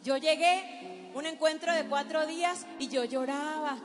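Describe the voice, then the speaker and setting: A woman gives an emphatic testimony and prayer to a live audience, slowing her words for effect. Her voice sits high. The sound carries the long reverb of a large hall, with music playing clearly behind her. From Paraguay. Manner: emphatic, directs the crowd, slows for dramatic effect. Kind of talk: testimony and prayer preaching at a youth event.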